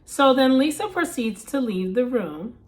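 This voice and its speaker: A woman vlogger casually retelling a story, animated and emphatic, with asides to her viewers. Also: high voice, measured pace.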